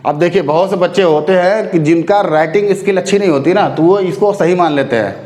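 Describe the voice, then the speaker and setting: A man teaching an exam-prep spelling lesson, drawing words out slowly and often asking if students follow. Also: high-pitched, a little mellow, roomy sound. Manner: repeats words slowly to drill pronunciation; keeps checking if students follow.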